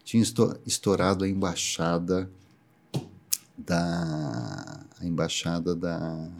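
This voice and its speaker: Deep, slow and full of vocal fry, this Brazilian man's voice carries a Brazilian Portuguese accent. Middle-aged, he is a guest on a casual podcast, animatedly telling a story with frequent laughter.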